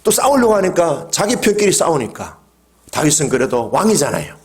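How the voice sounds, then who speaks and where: A middle-aged male pastor preaching a Sunday sermon. He moves from calm talk to loud, impassioned cries and leads the congregation in call-and-response. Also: on the high side, fairly quick.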